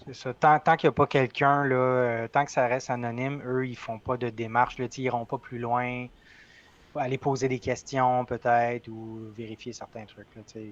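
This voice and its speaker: A man's voice: medium pitch, little pitch movement, normal speed, highs cut off. A man with a Quebec French accent interviewing in a casual, conversational way.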